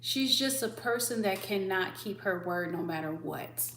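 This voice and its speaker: A woman hosts a livestream, chatting casually and telling stories with animation, acting out voices along the way. Her voice is medium in pitch and her pace moderate, and the room sounds echoey with a faint hum.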